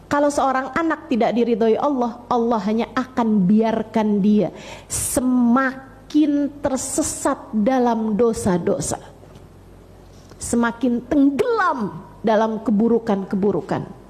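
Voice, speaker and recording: A woman's voice: fairly high pitch, slow, darkish tone. A woman preacher giving religious advice to parents, speaking colloquially, repeating phrases for emphasis, asking rhetorical questions and addressing mothers directly. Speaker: Islamic preacher.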